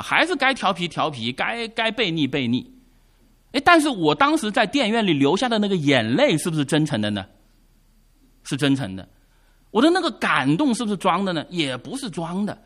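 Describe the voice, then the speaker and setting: A man preaching a sermon, who asks the congregation questions and answers them himself, rising to emphatic lines and dropping to quiet asides. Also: on the high side. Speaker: pastor.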